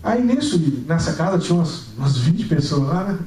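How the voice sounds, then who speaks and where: A young man preaching a sermon, telling a personal testimony with lively storytelling and acted-out dialogue, recorded in a church. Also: on the high side, a little fast. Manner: animated storytelling, acting out dialogue. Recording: echoey church hall, mic at a distance.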